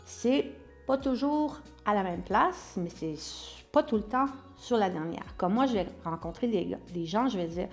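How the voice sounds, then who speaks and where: A woman's voice: mid-range voice, expressive, measured pace, soft background music. A woman with a Québécois French accent giving an online acting lesson, explaining and demonstrating word stress by example. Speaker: acting teacher.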